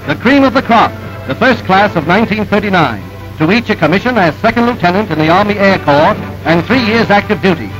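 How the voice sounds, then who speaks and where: A man narrating an old newsreel in a brisk, emphatic announcer delivery. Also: sits high, expressive, over music, low-quality recording.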